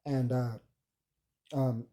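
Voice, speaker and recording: A man recording a casual vlog, speaking haltingly with constant fillers, stumbles and restarts. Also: mid-range voice, level tone, warm tone. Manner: rambling, heavy filler words. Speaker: vlogger. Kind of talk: casual self-recorded monologue.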